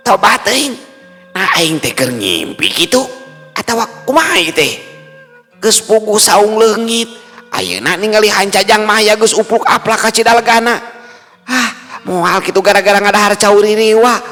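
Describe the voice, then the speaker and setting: A man's voice: high voice, lively intonation, moderate pace, pushed and bright, voice pushed up. A man voicing a bewildered village man lost near a haunted tree, muttering to himself and chanting spells. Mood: fretful. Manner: fretful, muttering to himself, then chanting incantations. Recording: long reverb with faint music.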